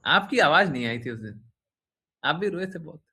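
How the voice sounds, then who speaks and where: A man's voice: fairly high pitch, lively intonation, normal speed, bright, forceful tone, husky. A man who is a spiritual teacher, giving an informal devotional talk to his followers, teasing them and repeating his phrases. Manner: teasing, repeats phrases, frequent "हैं?" tag questions.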